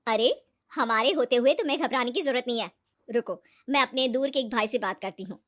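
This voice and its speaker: A woman voicing a scheming, jealous young woman who cheats her friend, loud and coaxing. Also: a little high, brisk, close to an everyday voice.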